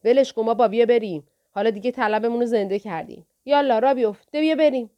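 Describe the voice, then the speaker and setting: A woman's voice: fairly high pitch, lo-fi sound, natural voice. Storybook part: woman playing a pushy young hustler, bossy and impatient.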